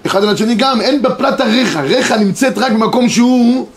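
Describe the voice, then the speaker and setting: High-voiced rabbi teaching a class. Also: male voice. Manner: explains, reads sources aloud, checks in with students. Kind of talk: Torah class lecture. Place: classroom with students.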